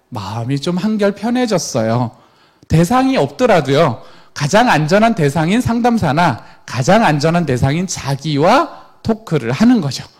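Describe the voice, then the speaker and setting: A middle-aged man giving a lecture to parents, animated, acting out quoted parents and children. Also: on the high side.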